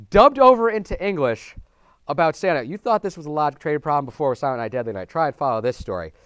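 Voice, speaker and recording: Fast-talking man reviewing movies, dry sound. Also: mid-range voice, clear, resonant tone, no echo. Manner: animated, jokey, talks to viewers as folks. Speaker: film show co-host. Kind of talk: casual movie review chat.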